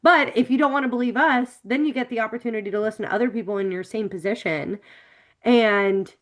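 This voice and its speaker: A woman's voice: a little high, brisk. A woman from Florida hosting a casual video-call interview, asking chatty questions with lots of fillers. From Florida, United States. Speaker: interview host.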